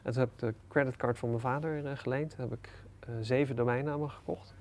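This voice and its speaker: Gravelly-voiced man telling business stories. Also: mid-range voice, fast, slight background noise. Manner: animated anecdotes, many fillers. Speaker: entrepreneur guest. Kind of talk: casual storytelling interview.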